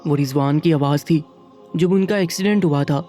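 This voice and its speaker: A man narrating a first-person story in a steady, even reading manner. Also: fairly high pitch, soft background music.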